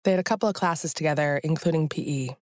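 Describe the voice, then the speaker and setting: A woman hosting and narrating a podcast in a measured, serious scripted style. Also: sits low. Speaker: podcast host.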